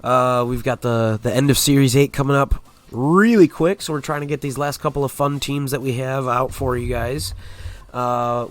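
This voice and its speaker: A man with a stuffed-up nose from a cold, chatting casually as host of a competitive game video, with lots of filler words. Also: medium pitch. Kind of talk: casual gameplay commentary.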